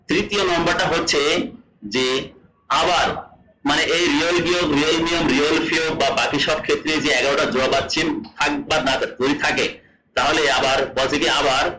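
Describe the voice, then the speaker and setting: A man's voice: a little high, pushed and bright, reverberant, a little hiss or hum, low-quality recording. A man from Bangladesh teaching a language lesson, repeating each rule and quizzing his students as he explains. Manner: repeats rules and asks the class questions.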